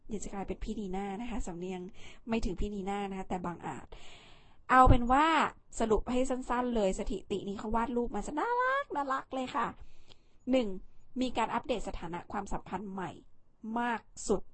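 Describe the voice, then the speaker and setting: A woman's voice: medium pitch, a little fast. A woman hosting a vlog in a casual, chatty way, playful and teasing as she talks. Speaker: vlog host.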